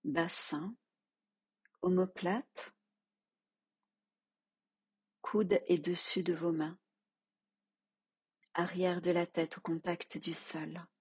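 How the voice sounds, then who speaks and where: A woman leads a yoga nidra guided relaxation, speaking softly, calmly and at a measured pace with long pauses. Her voice is on the low side and husky.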